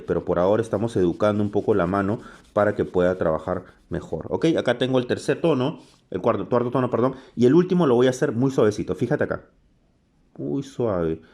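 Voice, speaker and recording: A man teaching a drawing lesson while he sketches, chatty and relaxed, often checking in with "ok?" and correcting himself. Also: lowish voice. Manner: chatty, frequent "¿ok?" and self-corrections.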